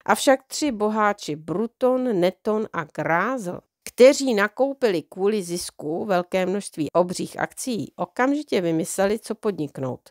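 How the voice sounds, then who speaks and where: A woman reading a children's book aloud in a calm, even storytelling manner, her voice slightly under the weather. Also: medium pitch, few pauses, no room sound, studio quality. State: slightly unwell voice. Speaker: audiobook reader.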